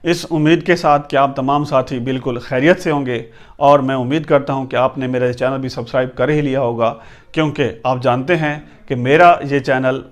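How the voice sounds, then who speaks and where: A man giving a pronunciation lesson, spelling out words letter by letter and repeating them in a calm explaining way. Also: medium pitch. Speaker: English teacher.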